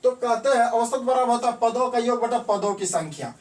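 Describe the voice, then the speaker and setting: A man's voice: very high voice, animated, a little fast, recorded from a distance. A man teaches math in a classroom, asking a question and then answering it himself, again and again. He says the key words twice. His voice echoes around the room and comes from some way off the mic. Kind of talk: classroom lesson.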